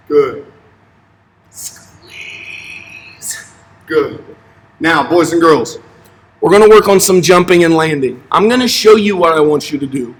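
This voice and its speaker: Casting: young male PE teacher, high-pitched, upbeat and encouraging with kids, heard at a distance in a big gym. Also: slight background noise. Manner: upbeat, encouraging, simple short directions to kids. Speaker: elementary physical education teacher. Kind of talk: instructional fitness demonstration for children. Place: large empty indoor school gymnasium. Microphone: camera a few steps away. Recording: echoey gym, distant camera mic.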